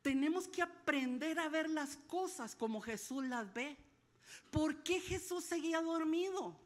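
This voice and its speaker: A woman pastor preaching a lively sermon, acting out the people in her story and building to loud questions. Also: high voice, unhurried. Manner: animated preaching, acting out dialogue and rising to shouted questions.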